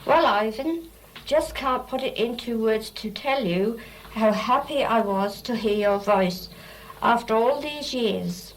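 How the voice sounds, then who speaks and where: A woman's voice: a little high, lively intonation, takes it slowly, rough recording. An older woman, giving a plain-spoken, heartfelt message to relatives on tape. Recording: amateur tape with faint noise.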